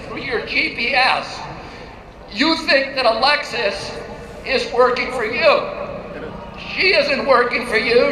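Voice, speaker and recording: High bright-voiced guy giving a rally speech outdoors, short punchy phrases, echoey loudspeaker sound. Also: a little hiss or hum. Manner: declamatory, pausing after each phrase for translation. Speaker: speaker at a protest rally. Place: outdoor street demonstration.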